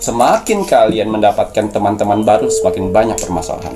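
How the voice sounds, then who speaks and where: Acting as a spiritual medium, a man gives preachy, mystical advice in a coaching tone, calling his viewers "sayang." His voice is lowish and animated, and he talks fast over music.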